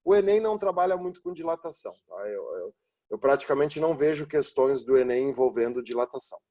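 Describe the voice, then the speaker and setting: A man's voice: medium pitch, animated, fast talker, warm tone. A man teaching a recorded physics lesson, talking informally and explaining step by step by asking and then answering his own questions. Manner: informal and encouraging, with frequent tag questions. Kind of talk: recorded classroom lecture.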